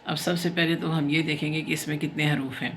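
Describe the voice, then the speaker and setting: A woman teacher giving a reading lesson to young children, patient and explanatory, who reads example sentences slowly and carefully. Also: low voice, steady tone, a little hiss or hum. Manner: patient, explanatory, checks in often. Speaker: primary school teacher.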